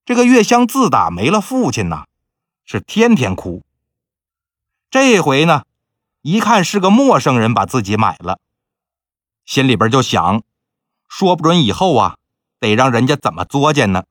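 A man telling a folk ghost tale in a lively, conversational, dramatic way. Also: mid-range voice, moderate pace, pauses often, no echo, studio quality. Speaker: storyteller host.

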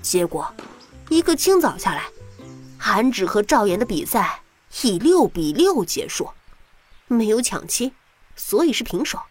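Young woman as narrator-heroine: breathy, fairly high voice, lively and indignant telling, long reverb with music underneath. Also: measured pace. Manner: lively, indignant inner monologue. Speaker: narrator and first-person heroine. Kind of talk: dramatized audiobook narration.

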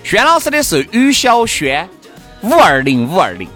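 A man's voice: high-pitched, huge pitch swings, moderate pace, pushed and bright, faint music behind. A man with a Sichuan accent hosting a radio show in a jokey, teasing way. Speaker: radio host. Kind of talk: bantering talk show chat.

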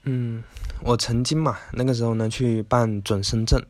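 A man's voice: medium pitch, steady tone, normal speed, no echo. A man hosting a casual self-help talk, chatty and rambling, with lots of little filler words. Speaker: podcast host.

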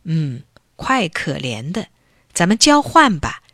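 A woman voicing a poor, kind-hearted male farmer who speaks in slow, sympathetic murmurs. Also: low-pitched, big pitch swings, fairly bright tone, no echo, clean studio sound, voice pushed down, heavily acted. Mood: kindly.

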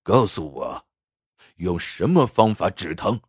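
Man doing a cold menacing army colonel, deep husky voice, slow deliberate threats. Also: big pitch swings, dry recording, clean studio sound, full character voice. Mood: cold menace.

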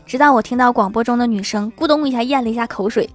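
A woman's voice: on the high side, fast. A young woman telling funny short stories in a playful, self-mocking way, with laughing asides. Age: young adult. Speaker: comedy storyteller. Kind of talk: scripted joke narration. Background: faint background music.

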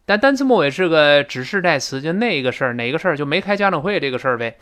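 A male English teacher walks through intonation in an audio lesson, demonstrating each sound himself. His voice sits a little high and swings widely in pitch. The tone is smooth and resonant. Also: fast. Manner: lively explanatory teacher who demonstrates the sounds he describes.

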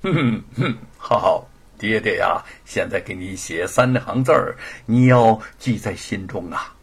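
A man voicing a gentle middle-aged scholar father who speaks softly and tenderly. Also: on the low side, expressive, a little slow, husky, full character voice.

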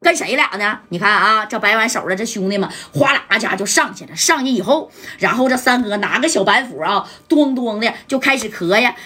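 A woman's voice: fairly high pitch, sharp tone, breathy edge. A woman narrating a gangster story in a colloquial, chatty storytelling manner with asides to the listener.

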